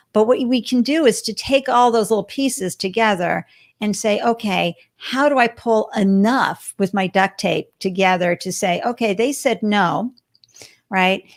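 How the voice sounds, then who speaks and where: A woman hosting an interview show, encouraging and speaking to her listeners. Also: mid-range voice. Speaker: podcast host. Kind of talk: casual interview.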